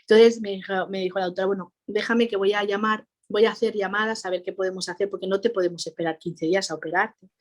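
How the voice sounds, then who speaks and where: A woman's voice: medium pitch, fairly even intonation, quick pace. Cheerful Spanish woman telling her story. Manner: cheerful, laughs often as she talks. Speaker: interview guest. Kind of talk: personal story told in conversation.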